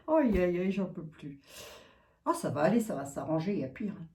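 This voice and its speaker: A woman's voice: lowish voice, sing-song, moderate pace, dark tone. A woman psychic chatting casually and in a flustered way to her viewers, laughing often between sentences. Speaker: psychic reader. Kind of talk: casual chat to camera. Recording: echoey room.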